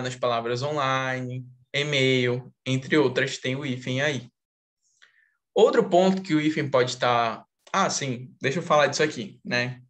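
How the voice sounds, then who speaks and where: A man's voice: fairly high pitch, fairly bright tone. A young Brazilian man with a Brazilian Portuguese accent, teaching a live online writing lesson, explaining step by step and asking the class questions.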